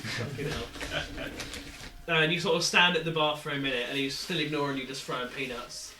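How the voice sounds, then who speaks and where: A man's voice: fairly high pitch, fast talker, noisy background. A man narrating a tabletop game as game master in a loose, casual way. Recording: echoey room with faint music.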